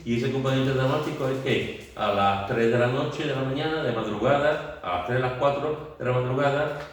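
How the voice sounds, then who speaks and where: Speaking at normal speed in a mid-range voice, a man leads a Bible study and brings the story to life by acting out scenes with shouts and sound words, with many fillers and restarts. The church meeting room sounds very echoey, and the mic is far away.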